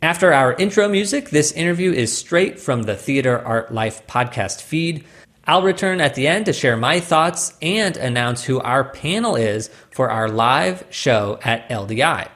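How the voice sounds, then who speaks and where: A man of middle pitch hosting a podcast. He reads a scripted intro briskly and upbeat. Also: lively intonation, a bit bright. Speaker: podcast host.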